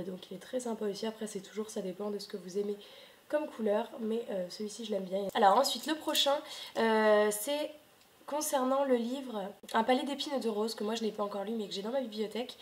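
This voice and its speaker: Speaking casually to the camera at home, the young woman behind a book vlog has a slightly high, darkish voice. She hesitates often and leans on fillers as she chats.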